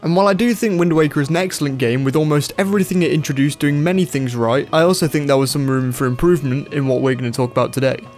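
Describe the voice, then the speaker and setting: A man's voice: a little high, darkish tone. A man hosting a podcast in an enthusiastic, earnest scripted delivery. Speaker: podcast host. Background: faint background music.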